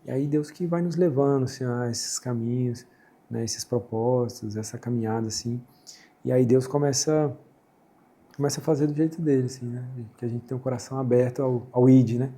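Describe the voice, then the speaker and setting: A middle-aged Brazilian man, a former footballer, talking reflectively about faith in a casual conversation and quoting scripture, with a husky voice. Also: mid-range voice, fairly quick, dark tone. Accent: Brazilian Portuguese. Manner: reflective, quotes scripture, many "né" and "assim" fillers. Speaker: guest, former footballer and speaker.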